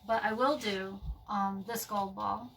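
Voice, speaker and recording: A woman's voice: mid-range voice, steady tone, measured pace, a bit bright, recorded from a distance, slight background noise. A woman chatting through a casual craft tutorial at home, with lots of fillers and frequent "okay?" check-ins, saying she is losing her voice. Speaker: craft vlogger.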